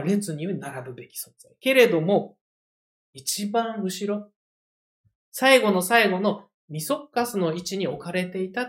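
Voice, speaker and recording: Measured preacher giving a sermon. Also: mid-range voice. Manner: measured, explanatory, with conversational asides.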